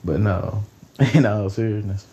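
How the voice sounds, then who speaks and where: A man's voice: fairly low pitch, unhurried, mellow, breathy edge. A nineteen-year-old man hosting a solo podcast, rambling in a loose, profane, conversational way. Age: late teens. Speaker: podcast host.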